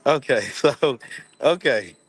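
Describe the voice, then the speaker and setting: A man's voice: mid-range voice, animated, slow. A man, hosting a casual live stream from his phone, loose and playful, laughing often. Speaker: livestream host. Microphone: phone camera.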